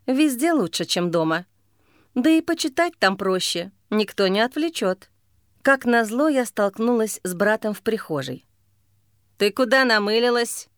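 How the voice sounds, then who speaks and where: A woman's voice: mid-range voice, big pitch swings, normal speed, dry recording, studio quality. A woman narrating a first-person audiobook in an intense, bitter, emotionally charged way.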